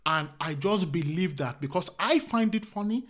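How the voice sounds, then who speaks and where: A man with a fairly high speaking voice, guesting as a comedian in a relaxed interview. He talks earnestly, circles back over the same phrases and poses rhetorical questions to himself. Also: moderate pace. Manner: calls the host "my brother". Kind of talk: casual interview chat.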